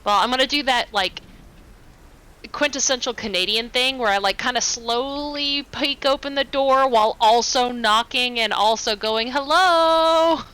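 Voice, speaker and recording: A woman's voice: fairly high pitch, moderate pace, sharp tone, clean tone, poor audio. A woman playing a tabletop game, chatty and eager, with a laugh now and then. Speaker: player. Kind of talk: casual tabletop play.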